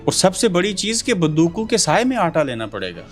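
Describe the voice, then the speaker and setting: A man's voice: sits high, very animated, fairly quick, faint music behind. A man hosting an interview, asking pointed, probing questions.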